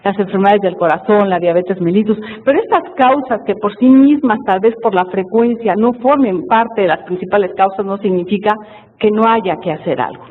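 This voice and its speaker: A woman from Chiapas, giving an earnest, explanatory conference presentation. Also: medium pitch. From Mexico, Chiapas. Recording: tinny, with long hall reverb.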